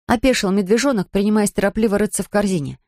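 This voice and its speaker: Calm man reading a storybook. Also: high-pitched, fast talker, dry recording, studio quality. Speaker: narrator. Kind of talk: audiobook narration.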